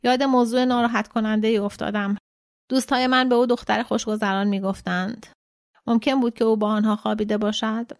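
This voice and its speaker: A woman translator who reads a literary novel aloud in a calm, measured voice. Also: a little high, dry recording, clean studio sound. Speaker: translator and reader. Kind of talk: literary audiobook narration.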